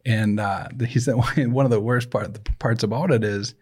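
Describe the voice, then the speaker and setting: A man's voice: mid-range voice, steady tone, normal speed, a little mellow, breathy edge. A middle-aged man hosting a podcast, telling stories in a casual chat and laughing often. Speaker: podcast host.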